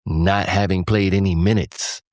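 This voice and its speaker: A man co-hosting a casual sports podcast over a video call, laid-back and often trailing off quietly. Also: low voice, fairly even intonation, unhurried, no echo, studio quality. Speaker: podcast co-host.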